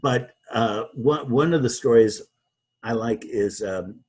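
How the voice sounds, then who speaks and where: A man being interviewed as a guest, talking in a halting way with many restarts and repeated words. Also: mid-range voice, a little mellow, husky. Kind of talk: conversational interview.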